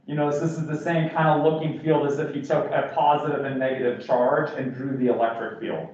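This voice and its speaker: A man's voice: fairly high pitch, little pitch movement, brisk, darkish tone. A man teaching a physics class with a sore throat and slightly slurred words, talking casually with lots of restarts and fillers. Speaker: physics lecturer. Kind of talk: classroom lecture. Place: lecture hall. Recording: echoey lecture hall, dull lo-fi sound.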